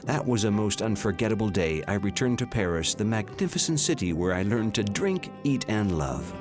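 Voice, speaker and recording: A man giving measured, solemn scripted narration for a documentary. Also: lowish voice, very animated. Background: music.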